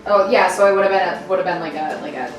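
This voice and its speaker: A woman's voice: on the low side, quick pace. A woman talking casually as a tabletop game player, distant in a very echoey room. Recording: echoey room, distant mic, loud music behind.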